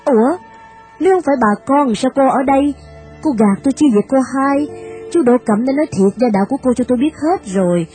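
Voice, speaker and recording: A woman's voice: high voice, animated, fairly quick, dark tone, soft background music, voice pushed up. A woman voicing a brash young scholar man. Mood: questioning. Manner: wheedling, boastful pleading. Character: young rich male scholar, brash and pushy.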